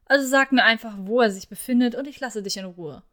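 A woman's voice: on the high side, quick pace, pushed and bright. Woman doing a bossy young witch, clipped and insistent, audiobook reading. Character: brisk, officious young witch, easily irritated.

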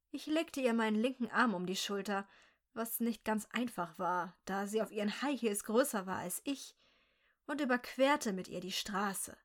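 A woman reading a dark first-person story aloud in a slow, measured, quietly tense way. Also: mid-range voice.

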